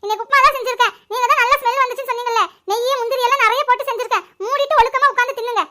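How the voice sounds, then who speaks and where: A fast-talking, scolding cartoon mother, played by a woman, with a very high, bright, piercing voice. She rattles off complaints in a sharp, hot-tempered way. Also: steady tone. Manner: scolding, rapid, shrill. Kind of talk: cartoon voice acting.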